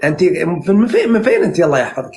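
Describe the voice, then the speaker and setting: A man in his sixties from central Saudi Arabia with a Najdi accent, interpreting dreams in a rambling, flattering live chat full of fillers and restarts. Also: sits high, racing. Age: 60s. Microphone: phone on a live stream.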